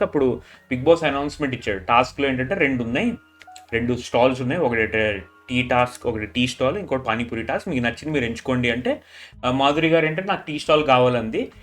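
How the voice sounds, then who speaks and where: A man's voice: on the high side, fairly bright tone. A man with a slightly raised voice and a Telugu accent talks through a reality show episode in casual chat. He switches easily between Telugu and English and keeps saying "literally." Faint music runs underneath him. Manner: mixes English into Telugu, repeats "literally" often, retells quarrels in quoted lines.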